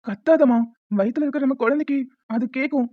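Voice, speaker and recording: A woman's voice: sits high, quick pace, very noisy, close to an everyday voice. A woman voicing a teasing, playful young man in a cartoon. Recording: dull lo-fi, dry.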